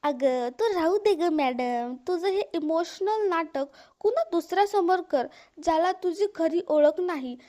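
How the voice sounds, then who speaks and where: A scolding young sister-in-law from a storybook, read out by a woman. She accuses and taunts, her voice pitched very high. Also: a little slow, a little mellow.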